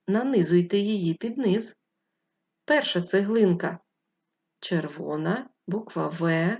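A woman teaching first graders, speaking patiently and clearly and drawing out syllables. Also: mid-range voice. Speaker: primary school teacher. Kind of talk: slow, clear remote lesson for first graders. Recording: dull lo-fi recording.

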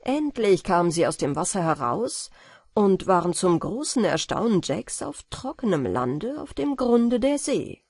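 A woman reads a bedtime fairy tale aloud in a calm, unhurried way. Her soft, breathy voice moves through a lively pitch range. The recording is dry and close to the mic. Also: no echo. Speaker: audiobook reader.

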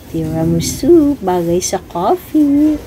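A woman with a Filipino accent casually vlogs on a handheld phone camera while wandering an indoor office bazaar full of people, chatting along and repeatedly saying "ayan" between items. Her mid-range voice is slow and mellow with big pitch swings, and the rough phone audio has a little hiss or hum plus crowd chatter.

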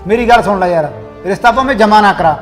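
A man's voice: sits high, fast talker, faint music behind. A man with a Punjabi accent playing an impatient husband in a family skit, giving orders. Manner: impatient and commanding.

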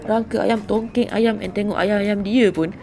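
A woman's voice: mid-range voice, fairly even intonation, moderate pace, gravelly, a little mellow. A young woman with a Malaysian accent narrating a market food vlog in a casual voice-over, chatty and self-mocking, with asides to viewers. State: hungry while fasting. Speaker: food vlogger. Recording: voice-over with faint music behind.

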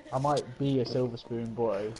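A man's voice: mid-range voice, steady tone, moderate pace, background noise. A young man from Scotland, living in the south, bragging and laughing through casual gaming chat. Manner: boastful, laughs often.

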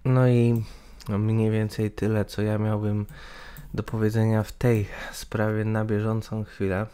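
A Polish man in his twenties, host of a gaming channel, gives his take to camera in a fairly low, warm, clean voice with little pitch movement and an unhurried pace. His delivery is hesitant and packed with fillers and restarts. A webcam in the corner of a screen capture picks him up in a small room.

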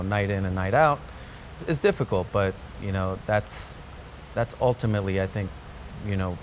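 Seated close before an off-camera interview mic in a restaurant dining room, a chef born in Colombia and raised in Queens, New York reflects in a documentary interview. He halts often, restarting and saying "you know" a lot, in a lowish male voice with a little hiss or hum and a music bed underneath.

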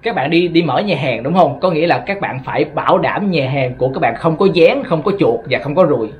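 A man from Vietnam with a Southern Vietnamese accent talks straight to his viewers in a rapid, rambling monologue. He keeps stumbling and repeating words as he goes. His voice sits a bit high, and the recording sounds dull and lo-fi. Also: animated. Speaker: vlogger.

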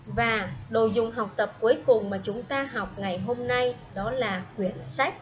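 Slow patient teacher, woman. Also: on the high side, fairly even intonation. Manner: patient, speaks slowly and repeats each word for pupils. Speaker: primary school English teacher. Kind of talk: slow classroom instruction with repeat-after-me drills. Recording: dull lo-fi audio with faint noise.

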